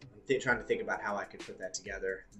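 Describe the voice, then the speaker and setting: A man hosting a live stream, chatting casually and thinking out loud, with the odd swear word. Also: on the low side, fairly even intonation, fast, faint music behind.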